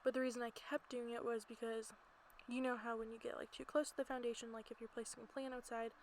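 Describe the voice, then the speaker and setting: A woman's voice: a little high, level tone, quick pace. A woman giving a casual, rambling, giggly voiceover for a gameplay video, recorded in a small closet at home. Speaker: amateur video creator narrating gameplay. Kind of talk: casual chatty voiceover commentary. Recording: noticeable background noise.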